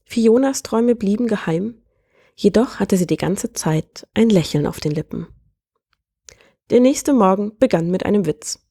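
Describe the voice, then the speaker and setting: A woman reading a fairy tale aloud in a calm, measured way as the storyteller. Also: mid-range voice. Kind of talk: scripted fairy-tale narration.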